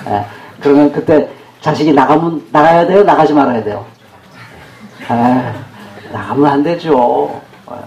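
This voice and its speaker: A man's voice: a little high, mellow, lo-fi sound. A man preaching a sermon as pastor, talking with the congregation and asking them questions. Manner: conversational, questions the congregation, acts out quoted speech. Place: church sanctuary. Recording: echoey church hall.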